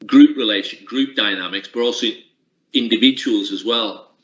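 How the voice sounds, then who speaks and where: At normal speed and with a voice on the low side, a middle-aged man who lectures on sports coaching responds thoughtfully to an interviewer. He often starts over and leans on fillers. The audio is lo-fi and roomy.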